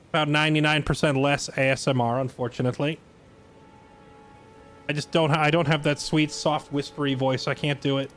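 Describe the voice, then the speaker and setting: A man's voice: a little high, a bit bright, slight background noise. Tired, sarcastic male streamer. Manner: sarcastic, chatty, self-deprecating. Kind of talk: casual live-stream chat.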